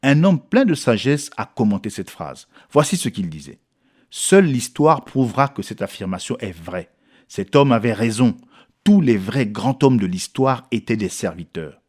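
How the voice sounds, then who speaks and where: A man's voice: medium pitch, sing-song, moderate pace. A man reading a sermon text aloud in French, earnest and preacherly. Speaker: reader of a sermon book. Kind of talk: read-aloud sermon exposition.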